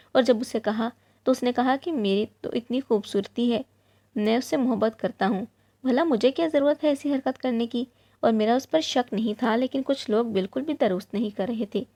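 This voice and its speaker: A woman narrating an emotional moral story in the first person, in an earnest, steady storytelling tone. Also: fairly high pitch.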